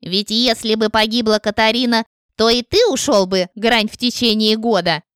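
A woman's voice: on the high side, normal speed, smooth, no echo, clean studio sound, natural voice. Woman playing a mocking witch ghost. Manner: scornful, calm and biting. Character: mocking female witch ghost, cool and sharp.

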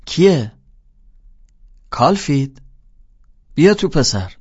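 A man doing a shouting old teacher. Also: on the high side, very animated, breathy edge, dull audio, pitched above the performer's own voice, exaggerated voice. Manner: shouting out calls. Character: cranky old male teacher, sick.

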